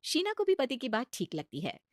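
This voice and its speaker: Bright, lively woman narrator. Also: high-pitched, fairly quick, no room sound, clean studio sound. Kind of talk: scripted narration.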